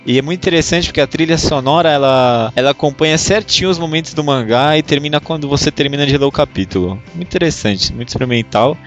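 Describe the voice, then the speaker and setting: A man's voice: fairly high pitch, fast, few pauses, soft background music. A man with a Brazilian Portuguese accent co-hosting a casual podcast, teasing and laughing often. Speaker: podcast co-host.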